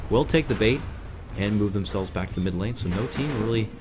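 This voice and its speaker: Fast-talking, low-voiced man casting a game. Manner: casual, rambling play-by-play with self-corrections. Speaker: esports caster. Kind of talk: live video game commentary. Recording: music and game battle sounds behind. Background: game music with battle sound effects.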